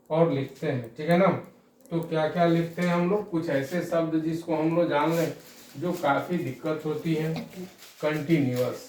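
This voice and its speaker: A male English teacher gives a spelling lesson, slowly spelling each word out letter by letter. His voice sits a little high and sounds distant in an echoey room, with faint noise behind him. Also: a little mellow. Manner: frequent "theek hai na" check-ins.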